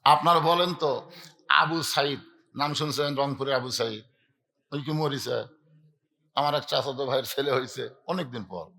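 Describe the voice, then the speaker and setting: Fervent bright-voiced male preacher. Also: mid-range voice, gravelly. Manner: dramatic, swings from soft talk to loud fervent preaching; chants Arabic verses in drawn-out melody. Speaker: Islamic preacher. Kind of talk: sermon.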